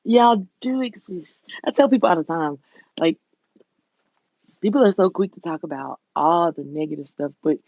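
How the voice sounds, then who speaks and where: A woman with a Southern US accent and a folksy, drawn-out drawl, chatting casually with viewers as a livestream host. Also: low-pitched, lively intonation, a little mellow, no room sound, muffled recording. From southern United States.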